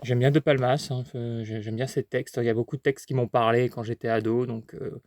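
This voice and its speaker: A man's voice: medium pitch, level tone, brisk, a little mellow, no room sound, studio quality. A man chatting casually about his haul, rambling with many fillers and restarts while eating. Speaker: collector vlogger.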